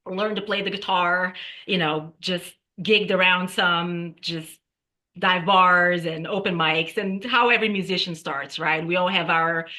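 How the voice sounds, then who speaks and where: A singer-songwriter woman from Brazil talks about her path in music. Her voice is bright and a little low, and she thinks aloud with fillers, tagging her points with "right?". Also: steady tone. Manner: reflective, halting with fillers, frequent "right?". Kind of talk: casual interview talk.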